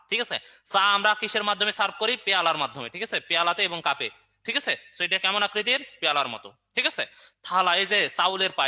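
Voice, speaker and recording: Man, online teacher, high voice, very bright and sharp tone, playful quizzing style. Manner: quizzes students and answers his own questions with memory tricks; playful and joking. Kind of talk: online review class lecture.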